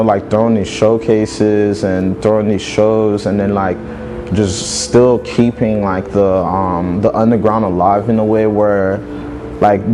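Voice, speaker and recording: A man's voice: on the low side, background noise. A man in his twenties from Saint Martin, a music manager and show promoter, talking casually in an interview and filling his speech with "like". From Saint Martin, French side. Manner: laid-back, peppers speech with "like".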